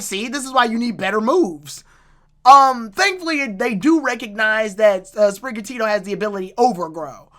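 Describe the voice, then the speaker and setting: A woman giving a casual, excitable recap and review of anime episodes, breaking into laughter and correcting herself as she goes. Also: fairly high pitch. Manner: excitable, laughs out loud, restarts and self-corrects.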